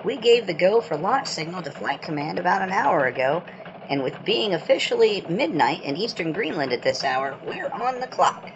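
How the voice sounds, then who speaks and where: An eager elf field reporter, voiced by a woman reports in from the field for a holiday radio newscast. Her voice moves lively up and down and has a gravelly edge of vocal fry. A faint hiss sits under the recording. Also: on the low side, lo-fi sound. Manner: brisk, excited reporting. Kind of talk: mock radio news report.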